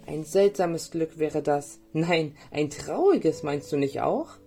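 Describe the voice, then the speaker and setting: A woman's voice: sits low, lively intonation, slow, dark tone, soft background music. A woman voicing a small, hungry male sparrow who is timid and puzzled. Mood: wondering. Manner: stammering, earnest.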